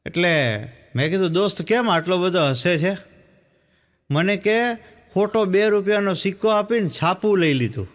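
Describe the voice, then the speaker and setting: A man performs stand-up on stage. He tells his jokes as little stories in a somewhat high voice and drops his tone to act out the people he quotes. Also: animated, normal speed, long pauses. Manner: storytelling, acts out quoted speakers in lowered voice. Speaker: stand-up comedian. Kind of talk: stand-up joke telling on stage.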